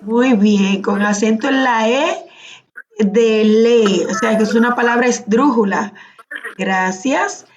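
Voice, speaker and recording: A woman's voice: fairly high pitch, slow, lo-fi sound, background noise. A woman teaching a class over a video call, patiently asking questions and calling on students by name. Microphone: computer mic on a video call.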